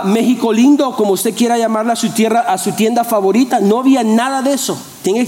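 A man preaching a sermon as pastor, animated, often restarting and repeating his words. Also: very high-pitched. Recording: echoey room.

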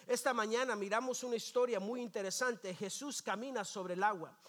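A man's voice: high voice, brisk, fairly bright tone. A male pastor preaching a sermon in a church, leading the congregation to repeat phrases after him. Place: church sanctuary.

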